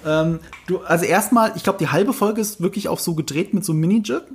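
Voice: mid-range voice, quick pace. A podcast co-host with a film background, explaining camera choices in casual chat and teasing with quiz questions. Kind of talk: casual chat about a TV series.

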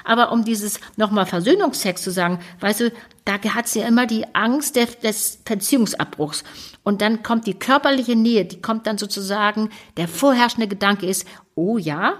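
A woman's voice: medium pitch, moderate pace. Chatty woman acting out quoted voices. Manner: lively, animated, acts out quoted voices. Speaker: podcast co-host, relationship expert. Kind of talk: casual conversational talk.

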